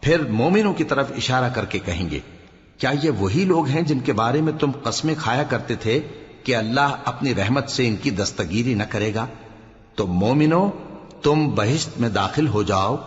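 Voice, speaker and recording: A man reading a scripture translation aloud in a measured, solemn way, dropping low at the end of each verse. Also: animated. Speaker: scripture reader. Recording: reverberant, dull lo-fi hall recording.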